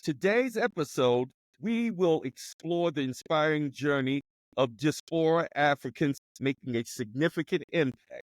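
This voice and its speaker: A man's voice: a little high, lively intonation, measured pace, no room sound, rough recording. A man hosting a podcast who reads a polished introduction, then asks questions and gives short replies. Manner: scripted-sounding intro, brief back-channel replies. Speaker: podcast host. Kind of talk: interview hosting.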